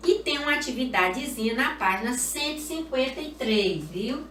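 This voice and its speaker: A woman's voice: high voice, expressive, normal speed, a bit bright, distant mic, slight background noise. A woman teaching a recorded class to young children, patient and repeating each point with little check-in questions. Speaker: primary school teacher. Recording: echoey room, voice off-mic.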